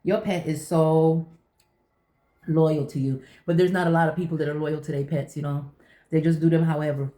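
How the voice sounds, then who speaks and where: A vlogger with a low, mellow voice chats casually and tells personal stories at a moderate pace. Her intonation is fairly even, yet she's emphatic, repeating phrases to hammer her point home, in an echoey room.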